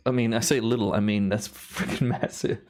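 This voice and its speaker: Somewhat low and darkish in tone, a man's steady voice moves a little fast as he offers casual live stream commentary. The timelapse photographer sounds enthusiastic and awed, his voice slightly tired after a long day of recording.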